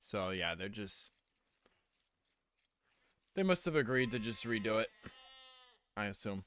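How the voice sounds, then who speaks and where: A man giving casual live-stream commentary on a strategy game, relaxed and thinking aloud as he goes. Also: fairly low pitch, measured pace, a little hiss or hum. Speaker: game caster.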